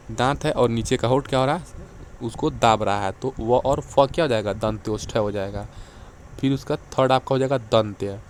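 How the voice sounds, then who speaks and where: A man teaching an exam-prep lecture, moving through questions briskly and stopping to check in with his students. His pitch sits in the middle range for a man. Faint street and traffic noise sits behind him. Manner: brisk, repeats "ठीक है" and "देखिए", recites letter lists.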